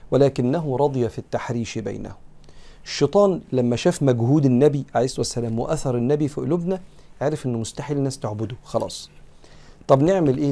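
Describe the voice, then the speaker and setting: Egyptian guy teaching religion, quick talker, gravelly voice, earnest and chatty. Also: medium pitch, warm tone. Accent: Egyptian Arabic. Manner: conversational, earnest, shifts between quoting text and colloquial explanation. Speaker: preacher teaching a creed text. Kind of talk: religious lesson.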